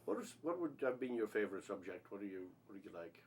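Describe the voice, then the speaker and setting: A man with a husky, fairly low voice asking questions in an informal interview. His delivery is halting as he feels out each question. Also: very animated, a little mellow. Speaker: oral history interviewer.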